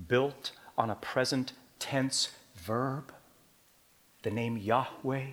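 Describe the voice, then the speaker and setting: A man preaching a sermon as pastor, swinging between quiet, intense passages and loud emphatic ones, often asking the congregation rhetorical questions. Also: high-pitched.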